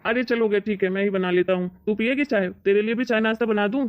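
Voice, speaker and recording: A woman's voice: mid-range voice, steady tone, fast, lightly acted. A woman playing a greedy middle-aged son and husband who coaxes and argues in a plain voice. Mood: coaxing. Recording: dull lo-fi recording.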